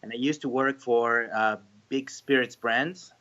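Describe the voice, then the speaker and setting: A man's voice: medium pitch, fairly even intonation, a little slow, sharp tone, dull audio. A man in his thirties from France, a restaurant owner talking casually in an interview, hesitant with many fillers and restarts.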